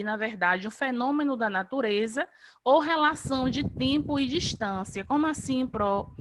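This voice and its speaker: A woman's voice: on the high side, a bit bright, a little hiss or hum. A woman from Brazil, teaching an online grammar review lesson, patiently explaining and drawing out example words. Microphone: video call.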